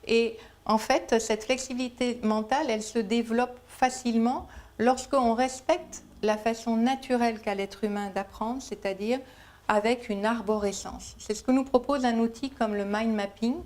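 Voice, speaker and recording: A woman's voice: a little high, fairly even intonation, normal speed, darkish tone. A woman giving a conference lecture, explaining patiently and working through everyday examples. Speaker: lecturer at a Montessori school conference.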